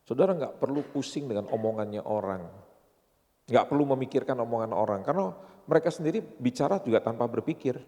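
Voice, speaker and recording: A man in his sixties with an Indonesian accent preaches at a seminar, teasing his listeners and checking in with them through rhetorical questions. His voice sits at a middle pitch, and a long hall reverb trails behind each phrase. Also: expressive, fast, dark tone. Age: 60s. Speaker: pastor. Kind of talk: seminar sermon.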